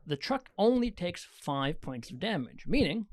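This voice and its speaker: A man running a tabletop game as game master, narrating and making rulings in a relaxed, chatty way. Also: high-pitched, unhurried, a little hiss or hum.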